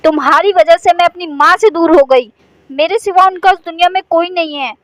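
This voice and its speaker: A woman's voice: very high voice, brisk, fairly bright tone, no echo. A woman voicing a vengeful young female teacher who has become a witch in a cartoon, in a threatening manner. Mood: anguished. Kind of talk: cartoon voice acting.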